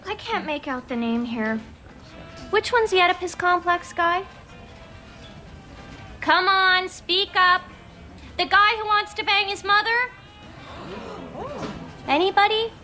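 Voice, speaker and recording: A woman playing a brash, impatient receptionist in a comedy series, calling out loudly. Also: very high-pitched, slow pace, long pauses, soft background music, full character voice. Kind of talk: sitcom acting.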